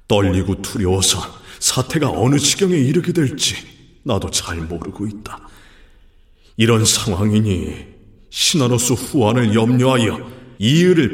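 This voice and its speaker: An actor playing a troubled, grieving Joseon king, speaking in archaic royal phrasing with a sorrowful, choked delivery. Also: fairly low pitch. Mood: fearful, weary. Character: anguished, troubled Joseon king, middle-aged man. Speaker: voice actor in a historical reenactment. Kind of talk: archaic royal speech, dramatic reading. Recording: echoey with long hall reverb.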